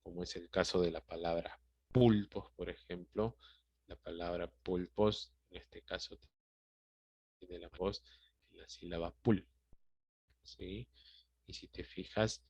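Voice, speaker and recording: A man's voice: deep voice, steady tone, slow pace, pauses often, a little mellow, breathy edge, no echo. A male teacher with a Peruvian Spanish accent patiently explaining a grammar lesson, often checking in with his students. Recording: dry, dull lo-fi sound.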